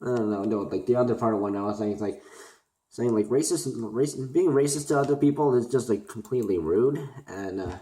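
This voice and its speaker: A young man from Korea speaks off the cuff to his camera in a mid-pitched voice, stumbling through fillers and restarts. The room around him is roomy and echoey. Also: dark tone. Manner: halting, many fillers and restarts. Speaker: student vlogger. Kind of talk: unscripted talk to camera. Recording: roomy echo.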